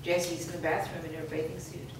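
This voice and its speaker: With a low-leaning, level voice and a slightly quick pace, a woman delivers the stage directions at a live screenplay reading. The sound is distant and echo-heavy, with background noise filling the reverberant space.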